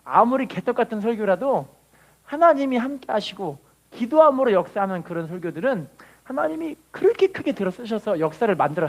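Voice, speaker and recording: High-voiced preaching pastor. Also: male voice. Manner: call-and-response preaching with frequent hallelujahs; preaches with dramatic rises in pitch and volume. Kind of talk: sermon.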